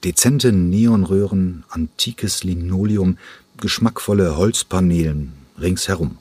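Low husky male audiobook narrator. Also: slow pace, darkish tone, dry recording. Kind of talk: scripted narration.

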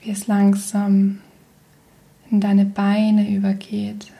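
A woman with a mid-range voice talks listeners through a meditation, her tone calm and soothing. She speaks softly and breathily, barely above a whisper, and leaves long pauses.

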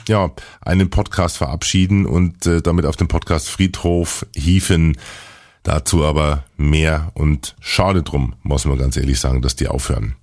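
A man hosting a podcast in a casual, chatty way, his voice a little hoarse and lowered. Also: darkish tone. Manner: chatty, loose, with frequent fillers. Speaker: podcast host.

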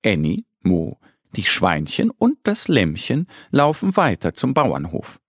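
An adult man narrating a children's story with lively, expressive delivery. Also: sits low, slow pace, breathy edge, dry recording, clean studio sound.

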